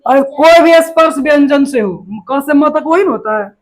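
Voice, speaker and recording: A woman's voice: sits high, moderate pace, low-quality recording. A woman teacher giving a classroom grammar lesson, repeating each word and quizzing her students.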